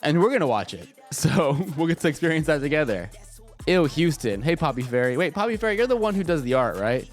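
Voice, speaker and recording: Sing-song and brisk, a man's fairly high voice carries his casual livestream chatter, full of jokes and profanity. He sounds a little congested, and his desk microphone also catches faint background music.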